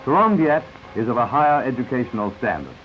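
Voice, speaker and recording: A man's voice: mid-range voice, very animated, quick pace, a little hiss or hum. A man narrating an old 1950s newsreel in a confident announcer style, with asides to the viewer. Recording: dull lo-fi 1950s newsreel soundtrack. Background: newsreel music.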